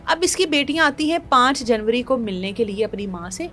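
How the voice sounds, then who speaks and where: A woman's voice: fairly high pitch, expressive, a bit bright, faint music behind. A woman from Pakistan presenting a news show, retelling a crime case in an indignant, moralizing way and acting out quotes. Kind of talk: emotional crime story retelling.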